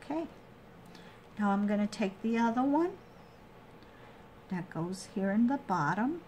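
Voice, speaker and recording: A woman giving a casual hands-on craft tutorial, explaining each step in a halting way and restating as she goes. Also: mid-range voice, lively intonation, darkish tone, a little hiss or hum. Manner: halting, trailing off and restating steps.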